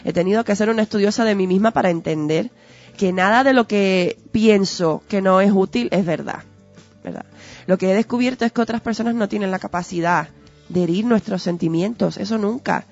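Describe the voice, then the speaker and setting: A woman's voice: medium pitch, brisk, darkish tone. A woman, talking through ideas as a guest in an earnest, teacherly way with lots of rhetorical questions. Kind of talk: conversational explanatory talk. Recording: dull lo-fi audio with faint music.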